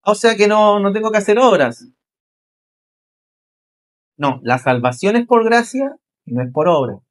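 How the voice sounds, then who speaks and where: A male pastor preaching a sermon, rising into emphatic questions and slowing to stress key phrases. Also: high voice, very animated.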